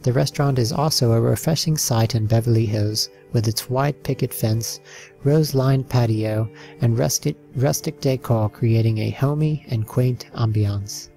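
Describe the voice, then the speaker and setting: Over soft background music, a man narrates a slideshow in a warm, mellow, middle-pitched voice with some creak. He reads at a moderate pace in an even, listing manner, slipping occasionally.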